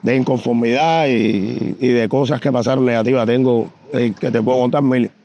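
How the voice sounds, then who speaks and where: A man tells judging stories in a dark, mellow voice, stumbling through fillers and restarts as he goes. The recording has a dull, slightly lo-fi sound. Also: medium pitch, normal speed, vocal fry, slight background noise. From Cuba. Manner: animated anecdotes with frequent fillers and repetitions. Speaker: competition pigeon judge. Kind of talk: storytelling in an interview.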